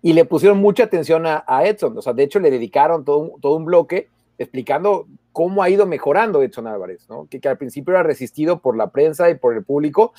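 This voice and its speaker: A man's voice: on the high side, animated, fast talker, hardly any pauses, mellow, no echo, studio quality. A man, a football correspondent in casual sports talk, chatty and hesitant with repeated words. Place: abroad, in the Netherlands.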